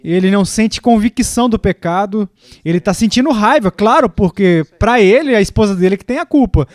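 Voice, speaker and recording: A man's voice: brisk, no room sound. A man preaching a sermon, telling stories and acting out what people say. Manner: storytelling with acted quotes, rising pitch in the quoted lines.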